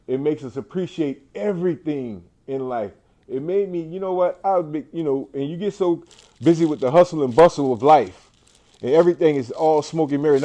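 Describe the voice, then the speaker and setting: A cancer survivor gives an inspirational, faith-driven talk indoors, preaching emphatically in a slightly high voice with a dark tone. He repeats his phrases and frequently restarts.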